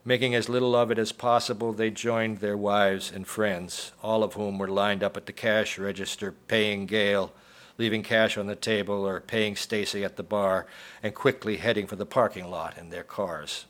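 A man reading his own short story aloud to an audience at a college event, in a measured, steady storytelling manner. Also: fairly low pitch. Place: college humanities center event.

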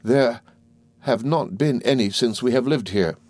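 A man's voice: mid-range voice, a little slow, a little mellow, no room sound, pitched above the performer's own voice, close to an everyday voice. A man voicing a timid, helpless young mother in an audiobook, with a meek, faltering, plaintive manner. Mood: hesitant, polite. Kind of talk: audiobook character voice.

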